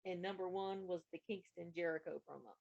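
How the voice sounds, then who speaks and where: A woman's voice: lowish voice, steady tone, a little fast, gravelly, darkish tone, dull audio. A woman co-hosting a podcast, recapping wrestling matches in a casual, running play-by-play way. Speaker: podcast co-host.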